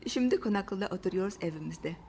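A woman from Russia with a Russian accent, telling about her own life casually in simple, halting non-native Turkish with grammatical slips. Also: mid-range voice, lively intonation, darkish tone, slight background noise. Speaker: interview guest. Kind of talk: casual personal storytelling.

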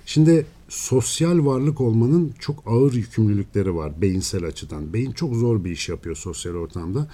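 Man, scientist guest, lecturing tone, very dark voice, lowish pitch. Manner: steady, lecturing explanations. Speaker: neuroscientist guest. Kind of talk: explanatory radio interview.

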